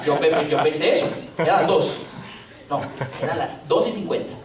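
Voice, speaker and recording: A man's voice: a little high, moderate pace, over a noisy crowd. A man preaching a sermon as pastor, joking and telling stories with lots of rhetorical questions. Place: church hall. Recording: echoey church hall, distant mic, faint noise.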